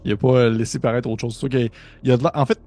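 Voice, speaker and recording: A man's voice: medium pitch, steady tone, racing, a little mellow. A man with a Québécois accent narrating a tabletop horror game as game master, hesitant with many fillers and restarts.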